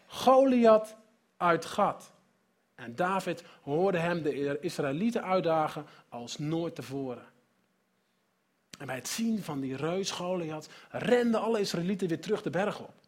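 High-voiced, animated male preacher. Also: unhurried. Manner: animated, dramatic retelling with sudden loud and soft turns. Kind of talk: sermon storytelling.

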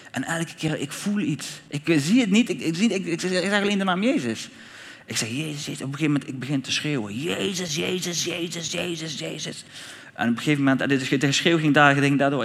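Animated man telling his story, reverberant. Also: mid-range voice. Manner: animated storyteller, acts out his own thoughts, fillers and restarts, street slang. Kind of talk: personal testimony, casual storytelling.

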